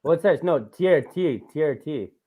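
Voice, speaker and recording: A man hosting a casual comedy podcast, teasing his guest loudly with crude jokes and frequent laughter. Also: on the high side, expressive, normal speed, husky. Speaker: podcast host.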